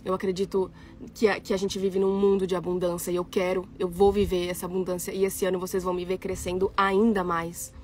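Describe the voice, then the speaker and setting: A woman's voice: fairly low pitch, flat delivery, fairly quick, darkish tone, a little hiss or hum. A young woman from Brazil, an architect and influencer, chatting casually to her followers and reading their comments, emphatic and given to repeating phrases. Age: young adult. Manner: emphatic, repeats phrases, addresses audience as gente.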